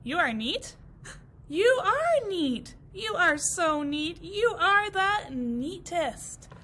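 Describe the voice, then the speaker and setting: A woman voicing a group of eager, dramatic grass blades in a picture book, all cheering and excitable. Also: sits high, takes it slowly, full character voice. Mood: admiring.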